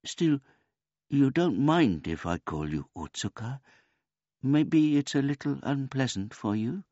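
Brief: a man putting on a gentle, simple-minded old man, polite and meek, voice raised well above his own, dull lo-fi sound. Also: mid-range voice, animated, unhurried, no room sound, voice pushed up. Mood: earnest. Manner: talks of himself in the third person, meek and courteous.

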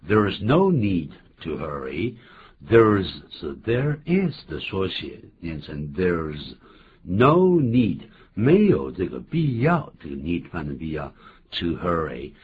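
A man co-hosting a bilingual radio English lesson, explaining phrases in a lively way and acting out short quotes. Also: sits low, slow pace. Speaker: English teacher co-host. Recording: phone-like lo-fi with faint hiss.

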